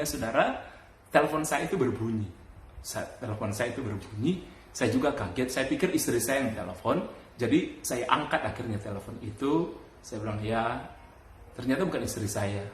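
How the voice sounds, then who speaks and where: Animated preacher man, echoey hall. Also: a little hiss or hum. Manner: animated storytelling with sudden high bursts and laughs. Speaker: pastor. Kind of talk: sermon. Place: church.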